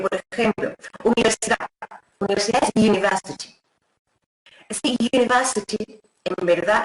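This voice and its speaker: A woman teacher walks a class through English grammar, patient and methodical. She slows down whenever she gives an example and keeps checking that everyone is following. Her voice sits at a medium pitch and carries a noticeable room echo. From Spain. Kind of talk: online class explanation.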